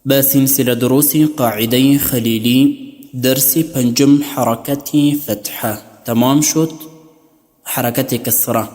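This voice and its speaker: A man's voice: medium pitch, a little mellow, big-room sound. Man chanting syllable drills. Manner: explains patiently, then chants syllable drills. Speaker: Quran reading teacher. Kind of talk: recorded tutorial lesson.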